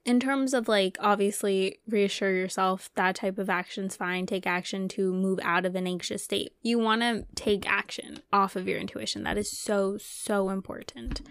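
A woman's voice: mid-range voice, no room sound, studio quality. A woman hosting a solo podcast in a casual, chatty way, often saying "like" and acting out imagined thoughts. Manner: chatty, frequent "like", voices imagined thoughts in quotes. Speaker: podcast host.

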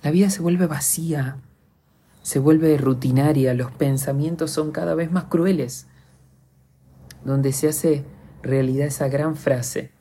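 A man's voice: a little high, steady tone, takes it slowly, dark tone, a little hiss or hum. A man with an Argentine accent hosting a podcast, speaking in an earnest, confessional reflective monologue straight to his listeners. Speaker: podcast host.

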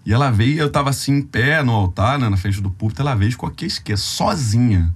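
A man's voice: medium pitch, lively intonation, fast talker, breathy edge. A young Brazilian man, a youth ministry leader, telling a heartfelt, tearful testimony on a podcast in a casual, slangy way.

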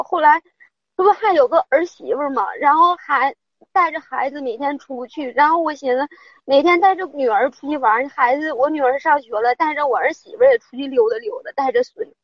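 A woman's voice: sits high, no echo, highs cut off. A middle-aged woman, calling in to an advice show and telling her story in a rambling, upset way. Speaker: caller. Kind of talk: phone-in advice call.

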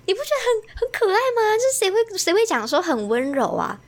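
A young woman in her twenties telling a story in casual chat, lively and laughing often, acting out the voices of the people she quotes. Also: very high voice, fairly quick.

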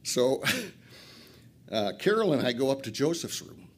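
A man's voice: medium pitch, sing-song, a little slow, darkish tone. An older man from Flint, Michigan, telling a profane, self-mocking recovery story at a retreat and laughing often. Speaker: recovery speaker.

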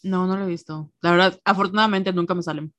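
A woman's voice: lowish voice, steady tone, quick pace, a bit bright, no room sound. A young woman in casual chat, blunt and acting out the people she quotes.

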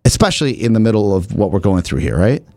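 A man co-hosting a talk show, chatting casually and telling stories with lively energy. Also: lowish voice, fast talker, dry recording. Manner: animated storyteller. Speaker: co-host. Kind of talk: casual chat.

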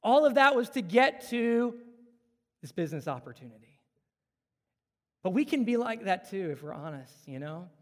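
A man in his thirties gives a sermon in a relaxed, chatty way, slipping into quick voices of coworkers and strangers to land his points. His voice sits high. A long hall reverb trails behind him. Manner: conversational, acts out everyday dialogue. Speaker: pastor.

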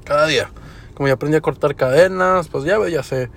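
A young man with a Mexican Spanish accent hosts a casual podcast and tells work stories. His talk is slangy, crude and relaxed. His voice sits a little high for a man. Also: brisk, gravelly. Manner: slangy, crude, laid-back. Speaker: podcast host. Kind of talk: casual storytelling.

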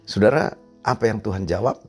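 A male pastor preaching a sermon, repeatedly addressing the congregation as brothers and sisters. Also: brisk. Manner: preaching with lively swings in pitch and volume, often addressing "saudara". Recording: radio broadcast with faint music.

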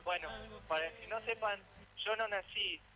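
A man's voice: sits high, moderate pace, music in the background, low-quality recording. A teenage man with an Argentine Spanish accent, a radio columnist chatting in a playful, teasing, theatrical way. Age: teens. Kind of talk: casual radio chat.

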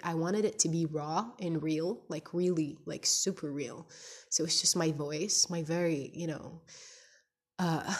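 A woman's voice: low voice, breathy edge. A young woman recording a personal audio diary on her phone at home, talking in a rambling, hesitant way with many restarts. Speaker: podcaster.

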